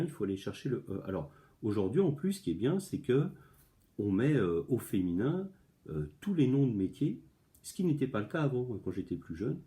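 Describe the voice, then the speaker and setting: A man's voice: medium pitch, mellow. A middle-aged man teaching a spelling lesson to a class at home, chatty, with many fillers and restarts, sounding words out aloud as he explains. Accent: French. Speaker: primary school teacher.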